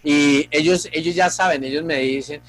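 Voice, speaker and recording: A man's voice: on the high side, fairly even intonation, moderate pace, poor audio. A male pastor preaching a sermon, earnest and speaking straight to the congregation.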